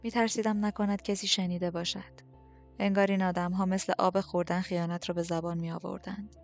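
A woman narrating a novel in the first person, with a steady, even storytelling delivery. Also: fairly low pitch, soft background music. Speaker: audiobook narrator.

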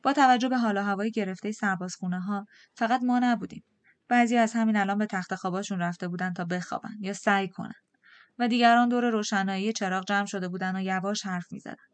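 A woman narrating a novel in the first person, with a calm and measured reading style. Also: medium pitch, clean tone, no room sound. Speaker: audiobook narrator.

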